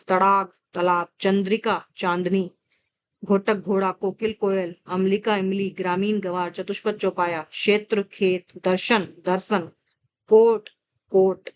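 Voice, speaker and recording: A woman teaching an exam-prep vocabulary lesson, reading word lists slowly with coaxing asides to students. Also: mid-range voice, smooth.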